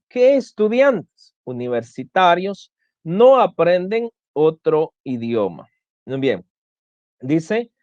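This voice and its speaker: A man's voice: high voice, a little mellow, dry recording. A man teaching an online class, explaining step by step and often restarting his phrases. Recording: dull lo-fi dry sound.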